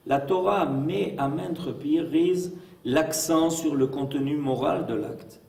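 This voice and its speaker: A man's voice: a little high, a little mellow. A man as a rabbi giving a religious lesson, emphatic and full of rhetorical questions. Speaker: rabbi teaching a class. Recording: echoey room, mic far off.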